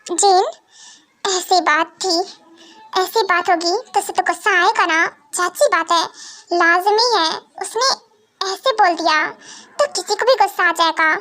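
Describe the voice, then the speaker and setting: Brief: woman reading a composed father figure, measured and reassuring, fan drama. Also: very high-pitched, bright, forceful tone, full character voice. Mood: calm.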